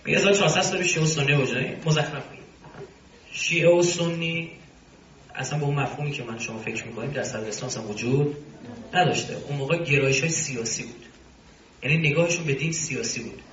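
A male religious commentator lectures in a pointed, argumentative way and slips in scornful asides. His voice sits fairly high and sounds bright and forceful. He is picked up from a distance in a roomy, echoing space, and the sound is dull and muffled.

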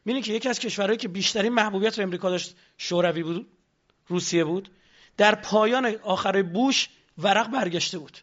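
A man's voice: high-pitched, a bit bright, dull audio. A man giving a lecture on politics, addressing the audience with rhetorical questions.

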